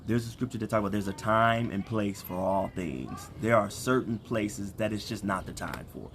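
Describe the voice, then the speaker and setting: Deep voiced guy chatting from his backyard, gravelly, earnest kinda preachy encouragement, bit of outdoor noise. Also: normal speed. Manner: earnest, repeats phrases for emphasis. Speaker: co-host of a relationship ministry livestream. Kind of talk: casual chat with preacherly encouragement. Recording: some background noise, outdoor livestream.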